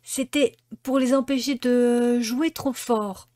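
A woman's voice: a little high, fairly even intonation, slow pace, dark tone, dry recording, clean studio sound, voice pushed up. A woman doing a kind, earnest little girl.

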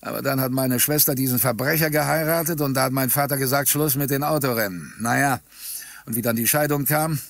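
A man's voice: mid-range voice, fairly quick, vocal fry, fairly bright tone, no echo. A man reading a story, voicing a self-important middle-aged braggart who rambles on chattily. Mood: boastful.

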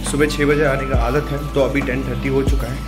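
Loud music plays behind this young adult vlogger, who speaks with an Indian accent to a phone at arm's length, casually blending in English words. His voice is mid-range and level in tone, a little fast, as he moves around his car, garage, home and gym.

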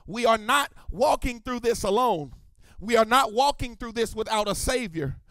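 High-voiced preaching pastor, dry sound. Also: male voice, expressive, a bit bright, no echo. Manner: preaching with sung, drawn-out emphasis on key phrases. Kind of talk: sermon.

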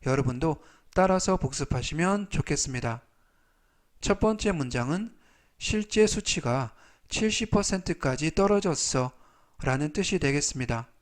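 A man teaching English vocabulary in a slow, polite, formal manner, repeating each word three times for learners. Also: on the high side, lively intonation. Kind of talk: slow, repetitive vocabulary lesson.

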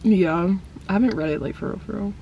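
A woman's voice: medium pitch, a little fast, highs cut off, a little hiss or hum. A woman in her twenties chatting casually, laughing often and using plenty of slang. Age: 20s. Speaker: vlog guest. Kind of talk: casual chat.

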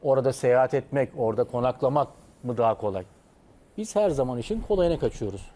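A man's voice: mid-range voice, expressive, quick pace, mellow. A man co-hosting a football panel, arguing through rhetorical questions he answers himself. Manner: rhetorical, asks and answers his own questions. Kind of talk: studio panel discussion.

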